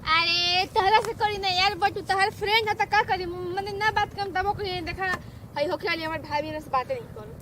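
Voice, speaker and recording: A woman's voice: very high voice, moderate pace. A woman playing a defensive young girlfriend in an amateur comedy skit, pleading and explaining in a Bhojpuri accent. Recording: very noisy outdoor recording.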